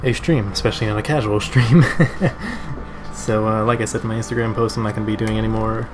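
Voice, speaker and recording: A man livestreaming a game in casual, rambling and halting chat. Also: on the low side, steady tone. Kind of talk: casual stream chat over gameplay. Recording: game music, fan noise behind. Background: game music and a fan.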